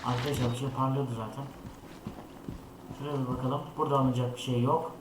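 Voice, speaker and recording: A man's voice: medium pitch, level tone, fast. A young man hosting a horror game let's play, talking to his viewers in a jittery, scared way. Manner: jittery, talks to viewers, frequent scared remarks. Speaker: gaming channel host. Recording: echoey room with noise.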